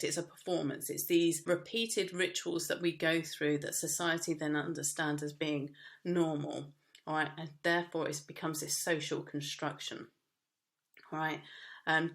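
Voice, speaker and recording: Woman, low voice, teacher, recorded lesson, casual, many fillers. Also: fairly bright tone. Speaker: media studies teacher.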